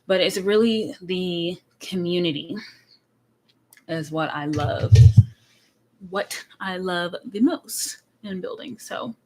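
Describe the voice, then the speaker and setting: A woman in her late twenties from Texas, chatting casually and warmly on her first livestream, repeating words like so and like as she talks. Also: fairly low pitch, slow, background noise. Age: late 20s. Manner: chatty, bubbly, many repeats of so and like. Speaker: anime reaction streamer. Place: at home in front of a camera.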